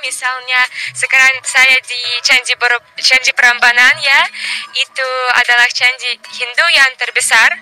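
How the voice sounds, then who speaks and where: A woman's voice: high voice, sharp tone, rough recording. A young woman from Russia, a native Russian speaker with a Russian accent, introducing herself to camera. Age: young adult. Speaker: university student. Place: outdoors at a temple site.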